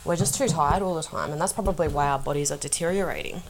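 A woman's voice: low-pitched, fast talker, gravelly, a little hiss or hum. Young woman in casual chat. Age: 20s. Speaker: podcast co-host.

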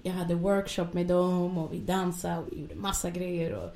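Female dancer guest telling stories with lively quoted voices, a touch low-pitched. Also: a crowd in the background. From Ethiopia. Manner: animated storyteller, acts out quotes, laughs often. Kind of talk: casual chat, storytelling.

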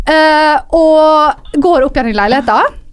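A young woman with a Sunnmøre Norwegian accent, telling an animated story in a casual podcast chat and acting out what was shouted. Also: sits high, dry recording, clean studio sound. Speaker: podcast co-host.

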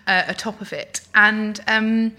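A woman's voice: mid-range voice, a little slow, sharp tone. A woman co-hosting an improvised comedy chat, with dreamy, rambling therapist patter. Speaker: co-host.

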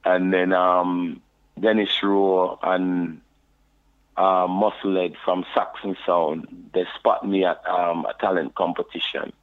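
Low-voiced man in patois over a phone. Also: takes it slowly. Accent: Jamaican patois, London. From United Kingdom. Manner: relaxed patois storytelling, frequent "you know". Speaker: podcast guest, reggae deejay. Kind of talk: casual interview storytelling. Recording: tinny phone line.

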